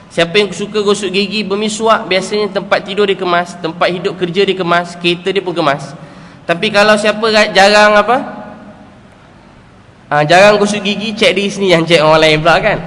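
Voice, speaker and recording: A man's voice: sits high, a bit bright. A middle-aged man with a Malaysian accent preaching a sermon to a congregation. He tells earnest stories, repeats key phrases and asks rhetorical questions. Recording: echoey hall, faint background noise.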